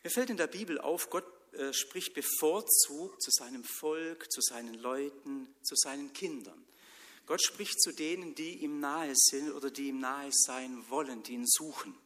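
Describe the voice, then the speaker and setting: A man preaching a sermon in church, telling stories and swinging between loud lines and whispers. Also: mid-range voice, unhurried. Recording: long church reverb.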